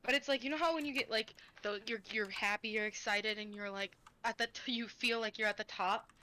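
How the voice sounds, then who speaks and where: A woman's voice: on the high side, fairly even intonation, fairly quick, bright, forceful tone, slight background noise. A woman chatting casually on a voice call, often trailing off mid-thought.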